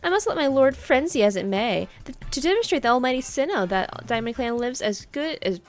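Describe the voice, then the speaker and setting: A pompous, haughty young noblewoman from a video game, all lifted tones and a smug Valley Girl drawl, as a female streamer puts her on. She sounds theatrical and self-important, looping up high through her lines. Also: lively intonation, fairly quick, faint music behind.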